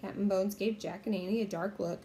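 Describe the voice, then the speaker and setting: A woman reading a children's chapter book aloud in a clear, steady storytelling manner. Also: medium pitch, fairly quick, a little hiss or hum.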